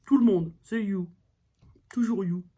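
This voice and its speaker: A woman's voice: mid-range voice, measured pace, heavy background noise. A woman giving a humorous beginner English lesson in French, playful and jokey, with whispered asides. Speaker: English teacher.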